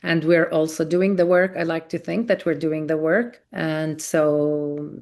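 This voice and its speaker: A woman in her forties with a somewhat low voice tells her story as a podcast guest. She speaks earnestly and reflectively, pausing and restarting her sentences as she remembers. She was born in Kuwait. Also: fairly even intonation, darkish tone. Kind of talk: personal storytelling in an interview.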